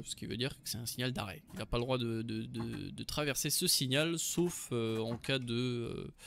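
This gaming video host has a medium-pitched, creaky voice, with slight background noise behind him. He offers casual, joking let's-play commentary on the game he's playing, chatting freely and correcting himself often amid plenty of fillers.

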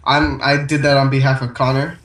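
A man's voice: medium pitch, level tone, fairly quick, fairly bright tone, far from the mic. Young man groaning on an echoey mic. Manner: joking, dramatic groaning. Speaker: gamer. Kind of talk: casual gaming chat. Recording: echoey room mic from afar, faint hiss.

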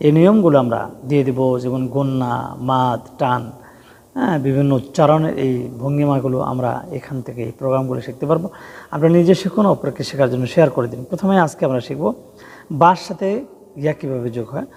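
A man teaching Quran reading, slowly spelling out Arabic letter combinations in a drilling, repetitive way. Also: medium pitch, gravelly, a little mellow, in a large hall.

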